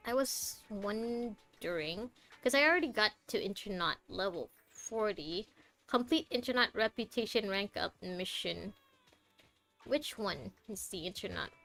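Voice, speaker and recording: A young Malaysian woman streams a game, rambling and thinking aloud in casual commentary as she plays. Her voice sits in the mid range with a fairly bright tone.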